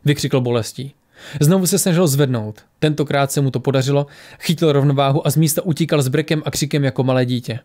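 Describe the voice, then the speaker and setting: A man reading a fantasy audiobook in a measured, steady storytelling voice. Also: mid-range voice. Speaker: audiobook narrator. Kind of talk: scripted fantasy narration.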